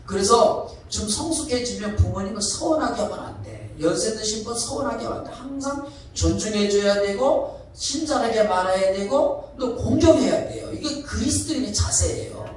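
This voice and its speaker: A man's voice: high voice, moderate pace, a little hiss or hum. A male pastor preaching a sermon, emphatic and often asking the congregation questions. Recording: echoey hall from far off.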